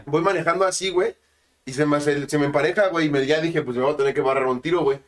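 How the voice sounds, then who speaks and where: A man's voice: fairly high pitch, fairly even intonation, fast. A man with a Mexican accent telling crude stories in casual chat, full of slang and constant swearing. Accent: Mexican Spanish.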